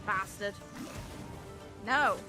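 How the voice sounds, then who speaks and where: A woman with a medium-pitched voice draws out her words while chatting casually and bluntly on a live game stream, swearing now and then. Video game music plays in the background.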